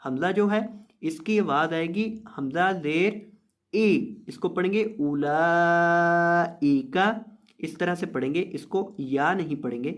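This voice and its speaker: Male Quran recitation teacher with a higher-pitched voice; chants each word slowly, then explains the rules at a brisk pace. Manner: slow drawn-out recitation alternating with brisk explanation.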